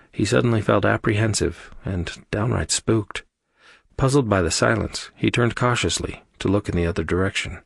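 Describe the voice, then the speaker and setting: A man reading an audiobook as narrator, telling the story in an even voice. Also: deep voice, vocal fry, breathy edge, no room sound, clean studio sound. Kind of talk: scripted narration.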